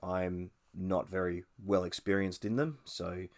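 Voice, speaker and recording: A man's voice: sits low, fairly even intonation, a little slow. An Australian man hosting a casual solo podcast, speaking in a nasal voice and hesitating with many ums and restarts. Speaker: podcast host.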